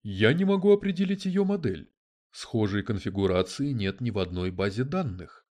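A man's voice: fairly low pitch, expressive, moderate pace, darkish tone, natural voice. A man voicing a prim, coldly logical male detective android who speaks in an oddly mechanical, lecturing way. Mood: flat objection. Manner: precise, lecturing, unflappable.

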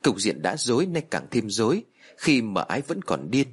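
Man, horror story narrator, husky, lively pitch, dramatic, faint music. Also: normal speed. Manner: dramatic, expressive.

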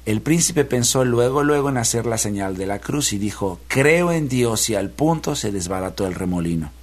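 A man's voice: on the low side, expressive, darkish tone. Man reading a folk tale. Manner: folksy, unhurried, speaks to listeners. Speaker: radio storyteller. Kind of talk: storytelling reading aloud. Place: radio studio.

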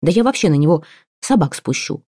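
Woman playing stubborn bitter woman, curt, grumbling, mellow low tone. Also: expressive, brisk, no room sound, studio quality.

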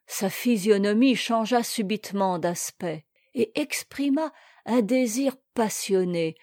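A woman reading a classic tale aloud in a measured, expressive way. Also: medium pitch, dry recording, clean studio sound. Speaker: audiobook narrator. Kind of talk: storybook reading.

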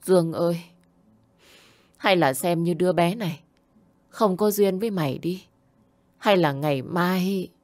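A woman's voice: on the low side, a little slow, pauses often, no echo, lightly acted. A woman voicing an anguished old grandmother who scolds and laments, raising her voice. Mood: lamenting. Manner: scolding, lamenting, loud and pleading.

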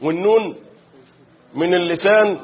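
A man's voice: high voice, normal speed, slightly rough. A man with an Egyptian Arabic accent teaching a Quran commentary lesson, chanting verses and quizzing students with rhetorical questions. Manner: recites verses in a chanted style. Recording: phone-like lo-fi recording.

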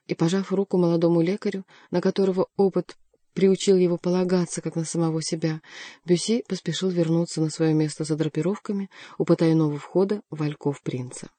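Low-voiced woman audiobook narrator. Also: fairly even intonation, a little fast, dark tone, dry recording. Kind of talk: scripted narration.

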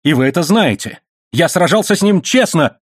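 A man's voice: fast talker, no room sound, clean studio sound, close to an everyday voice. A man reading an audiobook, voicing a guilty young nobleman who pleads frantically. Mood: desperate pleading. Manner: frantic, high-strung pleading.

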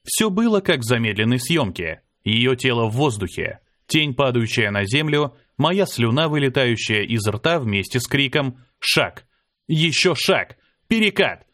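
A man narrates a first-person fantasy audiobook in a mid-pitched voice. His reading is dramatic and climbs in pitch and force on the cries of battle. The sound is dry and close, with no room around it. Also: lively intonation, moderate pace, few pauses, no echo. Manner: dramatic, lifts pitch and volume for shouted lines.

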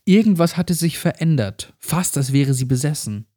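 A man reading a first-person horror story aloud in a measured, grave storytelling tone. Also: a little high, warm tone, husky. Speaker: creepypasta narrator.

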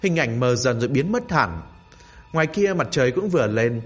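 A man narrating a fantasy story in an animated, expressive way. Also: mid-range voice, moderate pace, breathy edge, faint music behind. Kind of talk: dramatic audiobook narration.

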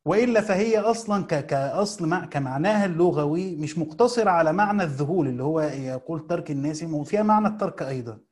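A man with an Egyptian Arabic accent teaching Quran commentary, reading passages slowly and then explaining them in quick colloquial asides. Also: fairly high pitch, lively intonation, darkish tone.

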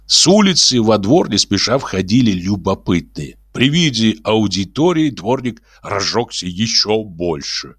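A man narrating an audiobook with animated, theatrical storytelling. His pitch moves widely, keeping every sentence lively. The recording is dry with no room sound. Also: unhurried, hardly any pauses, husky, dry recording.

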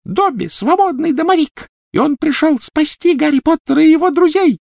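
A tiny squeaky house-elf. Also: male voice, lively intonation, a little fast, creaky, darkish tone, no echo, studio quality, full character voice. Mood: defiant.

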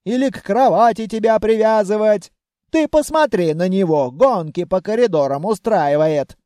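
A stern old mummy grandmother barks orders and scolds at full volume, as a male narrator puts her on. Her voice is raised and bossy, lively in pitch with a darker, mellow tone. The recording is close and dry. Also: normal speed, dry recording. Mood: scolding. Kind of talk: audiobook reading.

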